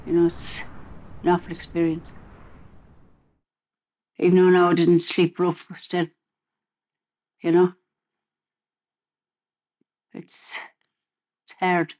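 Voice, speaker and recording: A man's voice: sits high, monotone, slow, long pauses, darkish tone, rough recording. A middle-aged man with a west of Ireland accent, giving a candid personal account in a hesitant, conversational way. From Ballinasloe, west of Ireland. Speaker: documentary interviewee.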